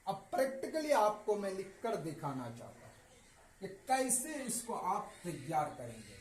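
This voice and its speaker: A man teaching a slow, step-by-step writing lesson, patiently repeating each answer and dropping his voice at every result. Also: high-pitched. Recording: echoey room with faint noise.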